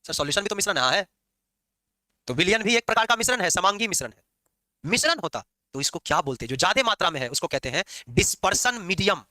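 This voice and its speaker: A man lectures his chemistry class quickly, teasing and scolding students along the way. His voice is high and very bright, swooping up and down. The sound is dry and close. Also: no echo. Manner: lively, scolding and joking with students. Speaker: chemistry teacher.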